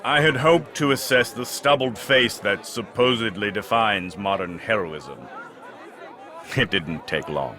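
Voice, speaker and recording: An actor playing an imperious, menacing dark sorcerer in a comic fantasy audio drama, with a grandiose, haughty delivery. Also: male voice, lowish voice, expressive, unhurried, a crowd in the background. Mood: sly, haughty.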